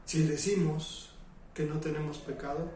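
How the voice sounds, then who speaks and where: Mexican pastor teaching in an echoey hall. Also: male voice, a little high, fairly even intonation, unhurried, dark tone, distant mic, a little hiss or hum. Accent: Mexican Spanish. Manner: emphatic, rhetorical questions to the congregation. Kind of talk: Bible study teaching. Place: church hall.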